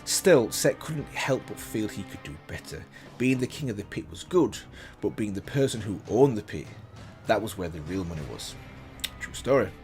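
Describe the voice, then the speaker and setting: A low-voiced reaction video host reads a text at a moderate pace, his pitch swinging widely. He breaks off for casual comments while loud music plays behind him.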